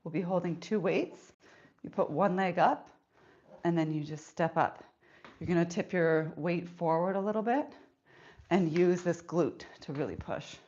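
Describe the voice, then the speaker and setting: A woman fitness instructor talks through a live workout and counts each rep aloud. She speaks slowly in a lowish voice and sounds winded between sets. The stream audio is dull and lo-fi. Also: a little mellow. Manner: counts reps aloud during exercise.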